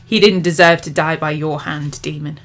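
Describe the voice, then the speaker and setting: A woman's voice: sits low, fairly even intonation, moderate pace, a bit bright. A woman reading a determined, defiant young woman confronting a demon. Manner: firm and defiant.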